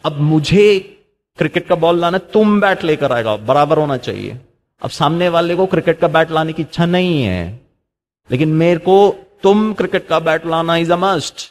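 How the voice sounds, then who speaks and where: Middle-aged male speaker, a touch high-pitched, storytelling with rhetorical questions, code-switching. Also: expressive, moderate pace. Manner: mixes English into Hindi, rhetorical questions; acts out quoted voices while telling stories. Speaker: spiritual speaker. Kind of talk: motivational talk.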